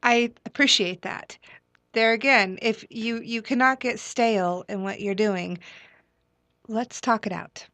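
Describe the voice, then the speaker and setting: A woman's voice: fairly high pitch, unhurried, sharp tone, no room sound. A woman hosting a radio interview, asking rambling questions and encouraging her guest. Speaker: radio host.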